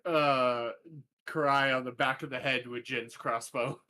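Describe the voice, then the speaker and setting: A man playing a tabletop game in casual chat, excitable and jokey, stammering as he talks. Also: medium pitch, unhurried. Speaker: player.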